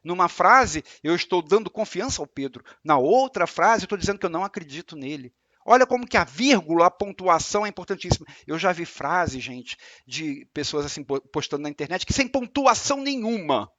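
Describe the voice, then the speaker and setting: A man with a Brazilian Portuguese accent giving a spiritual lecture, explaining calmly and repeating his points with examples. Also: sits high, fairly quick, no room sound, highs cut off. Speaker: religious lecturer.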